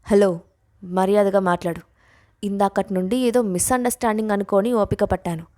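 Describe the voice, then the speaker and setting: A woman reading a story voices a fierce, short-tempered young college woman who shouts angrily. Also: mid-range voice, fairly even intonation, brisk, close to an everyday voice. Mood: angry. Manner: angry shouting.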